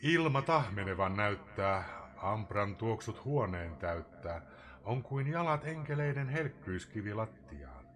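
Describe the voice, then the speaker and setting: A man's voice: fairly low pitch, big pitch swings. Theatrical man reciting poetry. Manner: theatrical, swinging between loud outbursts and hushed whispers. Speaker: live streamer reading a poem.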